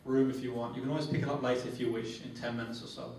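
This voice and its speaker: Flat, very fast, and darkish, this mid-pitched male voice carries vocal fry. The speaker is a phobia therapy trainer leading a group in a guided relaxation demo, instructive and repeating himself. A distant mic in the echoey training room makes the recording very echoey, with faint noise.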